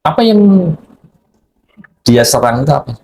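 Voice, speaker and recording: A male interviewer who listens quietly and asks short prompting questions. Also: medium pitch, big pitch swings, a little slow.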